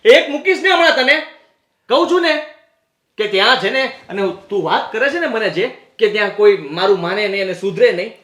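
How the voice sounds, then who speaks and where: A man plays a husband caught in a row with his wife, keeping up his excuses and snapping at her. His voice sits high and rings with the echo of a roomy space. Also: quick pace, few pauses. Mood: pleading. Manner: pleading then shouting in anger. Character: defensive husband, quick to anger. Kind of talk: Gujarati short-film family drama acting.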